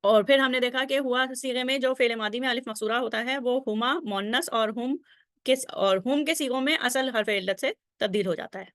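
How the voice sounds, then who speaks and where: A woman's voice: a little high, fairly bright tone, no echo, studio quality. A woman teaching Arabic grammar in a recorded slide lesson, patiently reciting verb forms and checking in with the listener often. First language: Urdu. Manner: patient, drills conjugations aloud with frequent check-ins.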